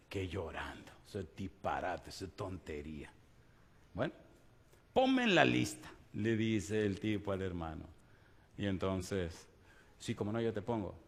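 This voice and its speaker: A male preacher telling a story in a sermon and asking the crowd for answers. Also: medium pitch. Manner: animated storyteller, asks the crowd "yes or no". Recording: long reverb of a church hall.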